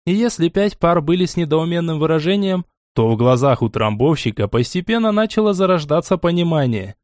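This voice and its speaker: Expressive male audiobook narrator. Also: a little high, a little fast, no echo, clean studio sound. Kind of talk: first-person audiobook narration.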